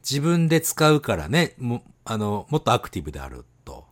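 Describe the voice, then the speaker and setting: A man co-hosting a casual podcast chat, animated and teasing, laughing often. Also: medium pitch, brisk. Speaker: podcast co-host.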